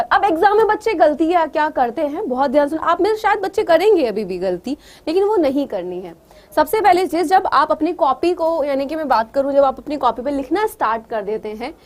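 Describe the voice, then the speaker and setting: A woman teacher with a high voice gives an exam preparation lecture. She coaxes her students and keeps checking that they understand. She slips English words into her explanations.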